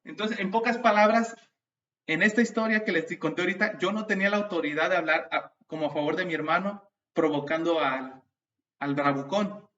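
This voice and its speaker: High bright preacher guy, sounds far from the mic and kinda dull. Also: brisk. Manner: storytelling, animated, with restarts and asides to the congregation. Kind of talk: sermon. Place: church.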